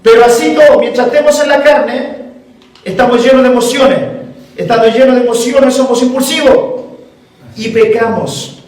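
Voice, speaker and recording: A male pastor preaches with a high-pitched voice. He switches between forceful exhortation and quiet, tearful storytelling. The sound comes from a distant mic in a very echoey hall. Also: normal speed. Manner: emotional, swings from forceful preaching to soft tearful telling. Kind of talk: sermon.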